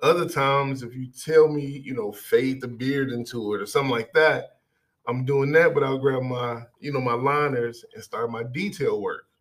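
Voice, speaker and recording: A man who works as a barber, telling a story in a casual, animated way with lots of conversational asides. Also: medium pitch, normal speed. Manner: animated, conversational, peppered with "you know what I'm saying".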